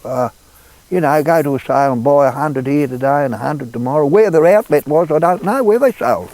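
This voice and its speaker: A man's voice: a little high, brisk, darkish tone, rough recording. An older man with a rural Australian accent, recalling the past in a plain, laconic drawl. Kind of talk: oral-history reminiscence.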